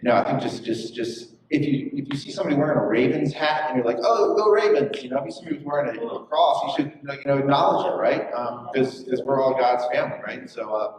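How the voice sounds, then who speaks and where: A man leading a church small group, sharing in a halting way full of fillers. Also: medium pitch, a little mellow. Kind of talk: casual testimony. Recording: echoey room from a distant mic.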